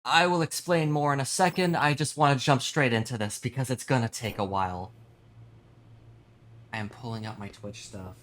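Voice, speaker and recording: A man with a mid-range, slightly bright voice sounds groggy, like he's just woken up. He's a game streamer giving casual, sweary live commentary, explaining things as he plays.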